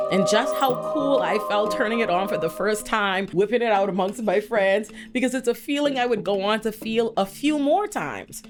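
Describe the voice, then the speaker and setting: A woman in her thirties from the Bahamas, telling comic stories in a scripted commentary with profanity and frequent laughter. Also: medium pitch. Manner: animated, profane, laughing storyteller. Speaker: video essay host.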